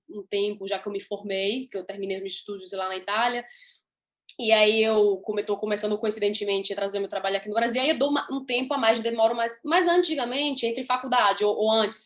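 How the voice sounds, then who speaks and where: An upbeat young Italian singer, whose first language is Italian, answers interview questions in a chatty style, laughing often. Her voice is mid-range.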